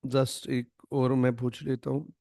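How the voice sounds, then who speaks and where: A man's voice: medium pitch, level tone, slow, gravelly, mellow, no echo, clean studio sound. A man leading an online network marketing training, emphatic and demonstrative, acting out lines to show tone. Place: online video call.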